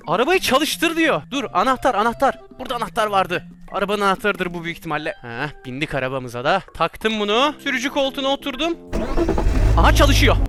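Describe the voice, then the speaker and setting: A young man giving excited let's-play commentary on a video game, animated and quick to shout and laugh at mishaps. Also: high-pitched. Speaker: gaming YouTuber.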